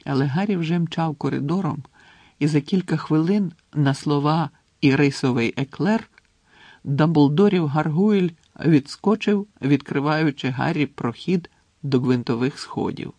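Male audiobook narrator, measured, gravelly, dry close-mic sound. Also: fairly high pitch, dry recording. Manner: steady, measured storytelling. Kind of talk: audiobook reading.

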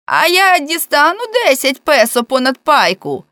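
A woman doing a squeaky, panicky skinny policeman. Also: sing-song, unhurried, bright, forceful tone, no echo, full character voice. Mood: whiny bargaining. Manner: high, pleading and haggling. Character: frightened skinny young policeman, bargaining and whiny.

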